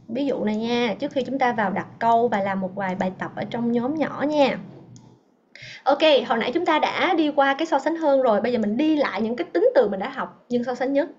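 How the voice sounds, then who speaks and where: A high-pitched woman teaches English over a video call, encouraging her learners and slowly repeating each word for them to copy. The audio is dull and lo-fi. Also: slight background noise. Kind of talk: online class teaching.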